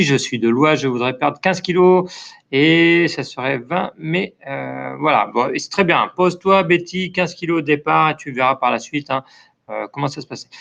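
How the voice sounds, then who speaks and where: A French man hosts a casual live chat with his online community, reading out viewer messages and answering each one kindly between frequent "euh" fillers. His voice sits a little high and has a gravelly edge, and his throat sounds dry. The stream audio is dull and lo-fi. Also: fairly bright tone. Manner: friendly, many hesitations and "euh" fillers.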